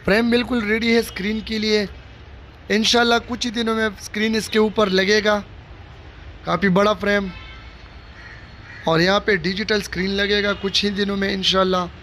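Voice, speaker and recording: Filming on his own handheld phone, a vlogger walks viewers through a stadium that's still being built, offering construction updates. His voice sits high and fairly bright, with a level tone, moderate pace and frequent pauses; he speaks straight to the audience, repeats showing phrases, and faint outdoor sounds can be heard.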